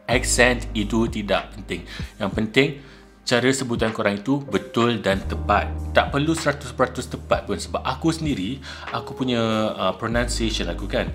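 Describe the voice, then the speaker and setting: A young man from Malaysia with a Malaysian accent, talking casually to camera in his vlog, lively and mixing in English words. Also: moderate pace, faint music behind. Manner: animated, mixes English into his talk, shifts pitch for emphasis. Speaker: vlogger.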